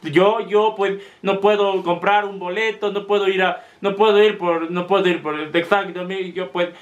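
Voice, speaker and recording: High-voiced stammering comic. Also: male voice, little pitch movement, normal speed, highs cut off. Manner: stammering, goofy, restarts words constantly. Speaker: comedy vlogger. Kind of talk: comic sketch interviewing himself.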